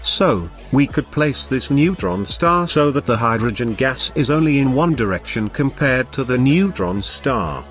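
A man's voice: mid-range voice, animated, measured pace, few pauses, faint music behind. A man reading a prepared science explainer in a plain, informal way, as the narrator of his video channel.

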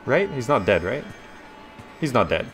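Malaysian-accented man hosting a game playthrough, chatty and laughing, mid-pitch voice, game music faint underneath. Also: sing-song, moderate pace, fairly bright tone. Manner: chatty, laughs often, reads game text aloud. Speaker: gaming channel host. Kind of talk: let's play commentary.

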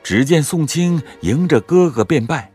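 A man narrating a classic story in a measured, expressive way. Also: fairly high pitch, breathy edge, soft background music.

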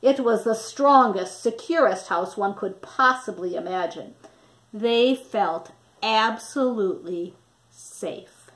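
A middle-aged woman narrating a children's storybook expressively, with dramatic, deliberate emphasis on words. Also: medium pitch. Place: small indoor room with wall displays.

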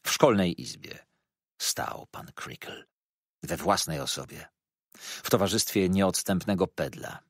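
A man narrates a classic novel in an expressive, dramatic reading. His voice sits fairly low but moves with lively swings in pitch. The recording is dry and close. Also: unhurried, no room sound. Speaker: audiobook narrator. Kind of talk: scripted audiobook narration.

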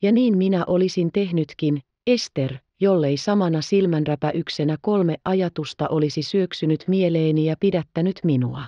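A woman's voice: on the low side, few pauses, warm tone, no room sound, muffled recording, lightly acted. Woman reading as Simonides, proud old merchant. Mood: tender.

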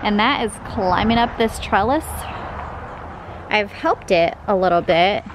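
A young woman strolls through her backyard garden and talks into a handheld camera, chatty and easygoing. Her delivery is slow and unhurried at a middle pitch. Clear outdoor background noise runs under her voice. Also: lively intonation. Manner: chatty and enthusiastic, pointing things out as she walks. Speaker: home gardener giving a garden tour. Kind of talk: casual garden tour vlog. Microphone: handheld camera, filming while walking.

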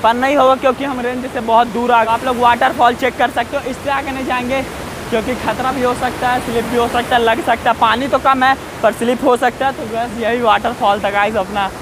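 A man with a strikingly high voice vlogs on a rocky hillside, talking straight to his viewers while he walks. He chats loosely and keeps warning about danger. A faint rush of falling water hisses behind him. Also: flat delivery. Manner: chatty, keeps addressing viewers, repeats safety warnings. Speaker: travel vlogger. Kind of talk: casual walking vlog. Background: faint rushing waterfall.

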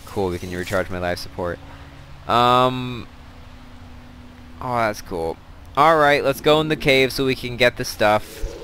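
A man's voice: medium pitch, a little slow, pauses often, pushed and bright, a little hiss or hum. A man hosting a let's play, chatting casually and thinking aloud as he plays, drifting into side stories. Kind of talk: casual gameplay commentary.

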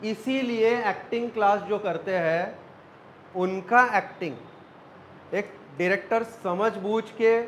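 A man's voice: high voice, slight background noise, low-quality recording. A man, an acting coach teaching a class, quizzing students and joking with them.

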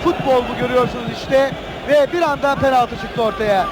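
Guy doing live football play-by-play, really high voice, short name calls, loud crowd and noisy old broadcast. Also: a little fast. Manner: clipped player-name calls rising on chances. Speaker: football match commentator. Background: loud stadium crowd.

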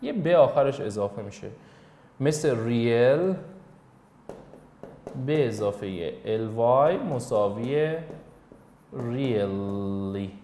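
An English teacher leads a classroom English lesson in Persian, coaxing and quizzing students by name. His animated voice is middle-pitched and dark, and he pauses often. The room echoes, with slight background noise.

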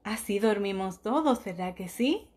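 A woman teacher reading a storybook aloud to young children, full of exclamations and questions to them, softening at bedtime. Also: medium pitch, lively intonation. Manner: slow and soft at bedtime.

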